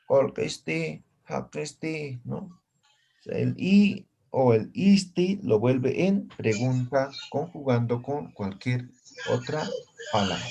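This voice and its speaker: A man's voice: medium pitch, creaky, a little mellow. A man teaching a language class, patiently explaining and often checking in with his students. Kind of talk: classroom lesson.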